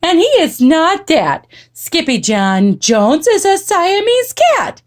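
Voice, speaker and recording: A woman's voice: fairly high pitch, huge pitch swings, slow, exaggerated voice. A woman voicing a frazzled mother cat in a storybook, weary, admonishing and emphatic. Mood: exasperated.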